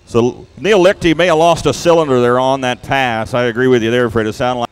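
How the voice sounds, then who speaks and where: A man's voice: mid-range voice, steady tone, fairly quick, clean tone. A man announcing a tractor pull live, calling results and competitors as the event announcer.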